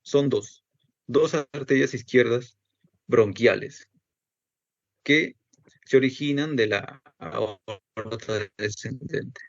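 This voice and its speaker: A man's voice: medium pitch, takes it slowly, vocal fry, long pauses, no room sound. A man teaching an anatomy lesson step by step and asking himself the students' questions. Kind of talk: recorded anatomy lecture. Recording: dull, lo-fi dry recording.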